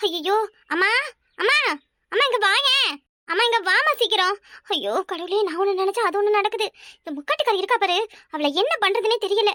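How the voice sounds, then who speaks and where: A fretful young daughter, voiced by a woman, in a village cartoon, whining and complaining in a Kanyakumari Tamil accent. Her voice sits very high and bright. It is recorded close and dry, with no room sound. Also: fast talker, no echo. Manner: whiny, fearful complaining. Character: anxious young pregnant daughter, timid and fretful.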